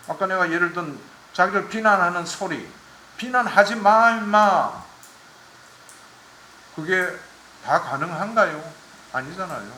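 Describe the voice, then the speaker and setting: A man's voice: high-pitched, bright, forceful tone, a little hiss or hum. A man from giving a Buddhist dharma lecture with plain explanations, asking listeners to agree as he goes. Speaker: Buddhist teacher. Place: temple lecture hall. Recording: echoey room.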